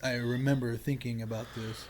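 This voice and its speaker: A man's voice: medium pitch, level tone, normal speed. A young man sharing his story as a podcast guest, casual and candid, rambling with lots of filler and swearing. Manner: rambling, heavy use of "like" and swearing.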